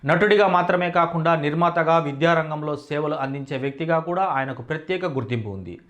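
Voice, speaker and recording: A man giving a scripted entertainment news voice-over in a steady, formal reading manner. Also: a little high, a little fast, dull audio.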